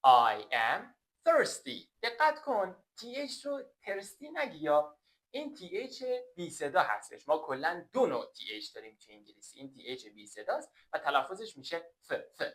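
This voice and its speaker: A woman with a Persian accent teaches English, saying example sentences slowly and clearly so they can be repeated. Her voice is low but bright and clear. Her tone swings lively up and down. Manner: slow, drawn-out drills of example sentences. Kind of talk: spoken language lesson.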